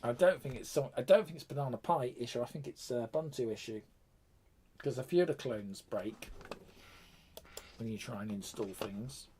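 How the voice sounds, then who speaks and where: A man's voice: medium pitch, moderate pace, warm tone, slight background noise. A man with a British accent hosting a casual tech live stream, chatty and rambling, often breaking off with fillers and restarts.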